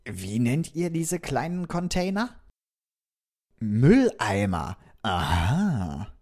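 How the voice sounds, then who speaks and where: A man playing a lively curious robot. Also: medium pitch, very slow, exaggerated voice. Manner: lively, talks directly to the kids with questions. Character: friendly male robot visitor from another planet, curious. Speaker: storyteller addressing children. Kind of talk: children's story narration.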